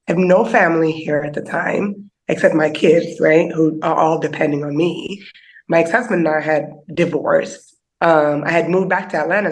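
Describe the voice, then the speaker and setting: A woman's voice: sits low, poor audio. Woman, podcast guest, candid personal story, conversational, slightly teary. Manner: candid and conversational, heavy on fillers like "you know". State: a little teary, emotional.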